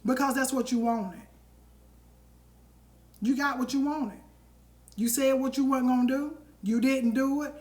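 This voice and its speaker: Woman, live-stream host, fairly high voice, emphatic preacher-style motivational talk. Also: steady tone, unhurried, long pauses, darkish tone. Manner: emphatic and preachy, addressing viewers directly with endearments.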